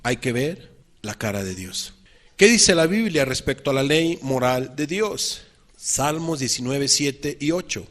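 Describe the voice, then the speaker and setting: A man's voice: medium pitch, expressive, measured pace, a bit bright. A man preaching a sermon, asking the congregation rhetorical questions and reading scripture with emphasis. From Mexico.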